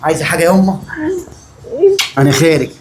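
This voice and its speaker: Brief: woman doing low-voiced apologetic son, quick, echoey, crowd noise behind. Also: natural voice. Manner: apologetic, hurried. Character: busy adult son leaving for work.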